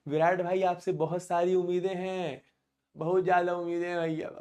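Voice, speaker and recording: A man's voice: high voice, level tone, moderate pace, a little mellow. A man teaching a live online math class, chatty and teasing, bantering with students and repeating questions to drill them.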